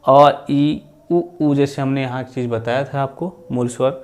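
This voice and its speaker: A man's voice: mid-range voice, steady tone, brisk, dark tone. Man teaching exam grammar. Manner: explanatory, repeats himself, demonstrates vowel sounds aloud. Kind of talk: exam-prep lecture.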